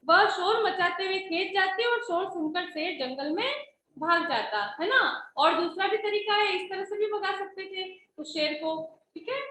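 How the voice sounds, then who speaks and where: A woman's voice: very high voice, bright, forceful tone, reverberant, a little hiss or hum, rough recording. A woman teacher explaining a Hindi lesson patiently, often checking that her pupils follow. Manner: patient, keeps checking with "है ना?" and "ठीक है?".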